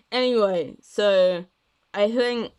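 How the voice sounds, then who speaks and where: A woman's voice: mid-range voice, takes it slowly. A woman VTuber talking in a casual vlog, rambling and hesitant with many restarts, self-deprecating and swearing freely.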